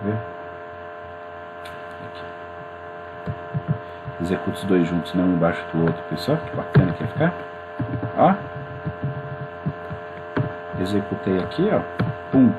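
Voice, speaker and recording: A man talks viewers through a coding tutorial, loose and chatty. His pitch swings up and down all the time. A steady mains hum runs under his voice. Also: unhurried, long pauses. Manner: chatty and informal, addresses viewers as gente. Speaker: programming teacher. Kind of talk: screen-recorded coding tutorial.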